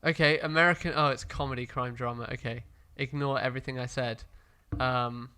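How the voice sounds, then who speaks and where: Man, podcast co-host, bright tone, smooth clear voice, casual rambling chat with fillers. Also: medium pitch, fairly even intonation, a little fast. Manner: rambling, hesitant, full of fillers.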